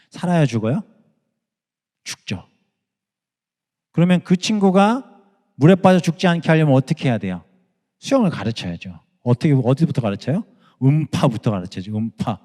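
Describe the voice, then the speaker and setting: A man preaching a youth sermon as pastor, animated, acting out voices and prayers. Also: on the high side, big-room sound.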